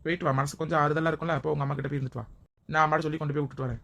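Woman voicing a caring young husband, low and very fast. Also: steady tone, creaky. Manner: gentle, reassuring.

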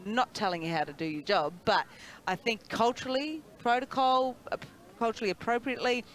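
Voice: medium pitch, brisk, fairly bright tone. A match commentator, talking earnestly during a live broadcast. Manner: earnest, speaks up for getting names right. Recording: crowd noise behind.

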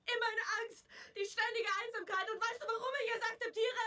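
A tearful, bitter militant. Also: female voice, extremely high pitch, steady tone, brisk, bright, forceful tone. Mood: defiant, tearful. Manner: reproachful, pleading, on the edge of tears. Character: bitter young female militant, stifled and tearful. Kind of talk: German film dub.

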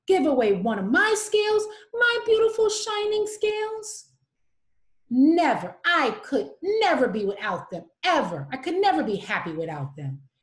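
A woman's voice: high-pitched, moderate pace, hardly any pauses, warm tone, pitched above the performer's own voice, natural voice. A woman voicing a proud, vain male fish in a storybook reading, speaking in a haughty manner. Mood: indignant. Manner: haughty, then wistful. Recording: roomy echo.

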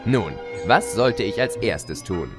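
A man with a fairly low voice talks slowly but with lively intonation, narrating in theatrical first person. His character is a scheming, gleeful creature of chaos describing his escape in an audio drama, full of smug playfulness, with music in the background.

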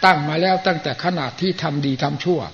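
An older man, a Buddhist monk, giving a plain-spoken, folksy sermon and often clearing his throat. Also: fairly high pitch, steady tone, quick pace, a bit bright. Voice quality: gravelly. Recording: muffled lo-fi archive recording with faint hiss.

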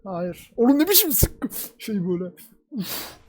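A young man reacting live to an anime episode, talking at the screen, cheering the characters on and swinging between loud outbursts and low muttering. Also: big pitch swings, measured pace, slightly rough. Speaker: reaction video creator.

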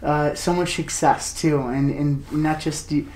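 Upbeat host in a roomy living room. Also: male voice, on the high side, fairly even intonation, a little slow, a little mellow. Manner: upbeat, many fillers. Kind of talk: casual interview hosting. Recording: roomy echo.

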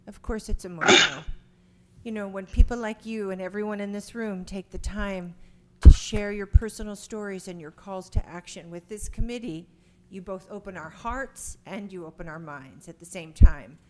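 A woman chairing a legislative hearing, speaking in a formal, appreciative and measured way. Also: mid-range voice, a little hiss or hum. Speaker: committee chair.

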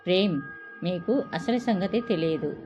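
A woman's voice: fairly low pitch, moderate pace, a little mellow, faint music behind, natural voice. A woman voicing a young woman who answers sharply and with indignation. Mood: indignant. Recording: dull lo-fi recording.

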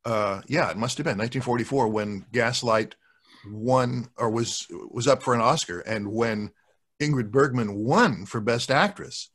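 Speaking close to a large desk microphone in a home room over a video call, a radio show producer in his sixties guests on a podcast. His manner is casual, thoughtful and halting as he talks about old radio and film in a fairly bright, mid-range voice.

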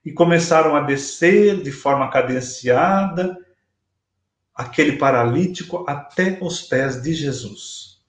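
A man in his fifties with a Brazilian Portuguese accent, giving a live-streamed spiritist lecture from a small room at home, retelling a gospel story in a measured, emphatic way over a webcam. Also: a little high. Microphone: webcam at desk distance, video call. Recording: echoey room via webcam.

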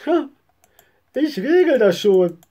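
A woman's voice: high-pitched, very animated, takes it slowly, warm tone, pitched above the performer's own voice, heavily acted. A woman voicing a patient but firm mother keeping order at home.

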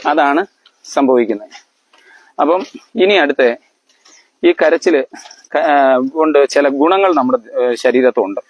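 A man explaining things to his family in a lecture-like way, often stopping to ask if they understand. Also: fairly high pitch. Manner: quizzes listeners, keeps asking if they understand; halting, with fillers and restarts.

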